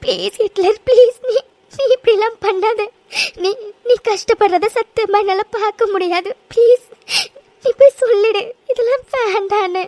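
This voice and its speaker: A woman's voice: very high voice, moderate pace, mellow. A woman voicing a tearful young woman who begs through sobs and stammers, in a cartoon. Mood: tearful, desperate. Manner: sobbing, stammering pleas. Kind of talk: cartoon voice acting.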